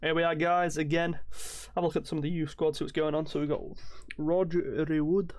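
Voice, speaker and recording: A young man giving excitable commentary over his own football video game. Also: a little high, a little fast. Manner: excitable, laughing, shouting at the game. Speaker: gaming video creator.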